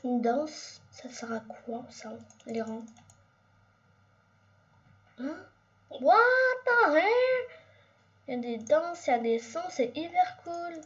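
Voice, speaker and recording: A young woman chatting excitedly over her own gameplay, with sudden squeals and lots of chatter. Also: on the high side, slow pace, pauses often, muffled recording. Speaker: gaming YouTuber. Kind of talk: casual gameplay commentary.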